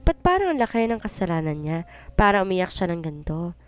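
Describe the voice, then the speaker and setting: A woman's voice: on the low side, sing-song, brisk, clean tone. A woman narrating a first-person love story in an earnest, emotional way, mixing Tagalog and English.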